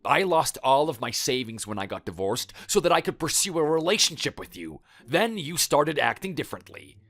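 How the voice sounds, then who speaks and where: A man voicing a bitter middle-aged cafe owner who yells accusations at his partner. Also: a little high, very animated, normal speed, full character voice. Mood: angry. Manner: accusing, yelling.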